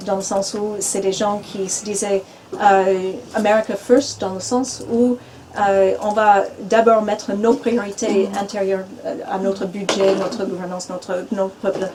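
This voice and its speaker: Woman panelist with a mellow voice. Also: mid-range voice, flat delivery, measured pace, slight background noise, poor audio. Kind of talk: panel discussion. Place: bookshop event room.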